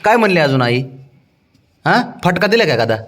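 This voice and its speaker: A man's voice: sits high, very animated, brisk, a bit bright. A man at home talking affectionately to his pet cat, coaxing and teasing it. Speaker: pet owner vlogger.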